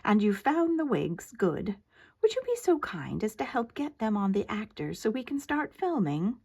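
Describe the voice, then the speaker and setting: Casting: bossy, excitable storybook film director, emphatic delivery, played by a grandmotherly woman reader. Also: medium pitch, normal speed, gravelly, breathy edge, pitched above the performer's own voice, exaggerated voice. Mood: businesslike.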